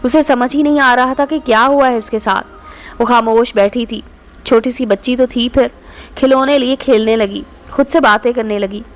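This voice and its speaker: A woman's voice: fairly high pitch, moderate pace. A woman telling a scripted moral story with earnest, emotional narration.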